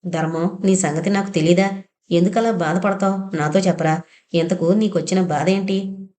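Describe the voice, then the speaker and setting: A woman voicing a loyal older male friend who talks in a brisk, reassuring, familiar way. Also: lowish voice, fairly even intonation, mellow, lightly acted. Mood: concerned.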